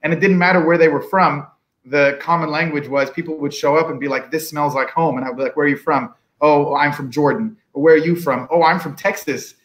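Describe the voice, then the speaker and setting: A man with a somewhat high voice chats as a guest pitmaster over a video call. He tells his story in a relaxed way and slips into the voices of the people he quotes. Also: brisk, low-quality recording. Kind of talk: casual video-call chat. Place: room with bookshelves. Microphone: video call from home.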